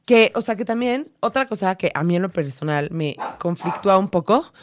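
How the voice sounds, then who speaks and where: A woman's voice: medium pitch, expressive, normal speed, a little hiss or hum. A woman co-hosting a casual chat, joking and reading audience messages. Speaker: co-host.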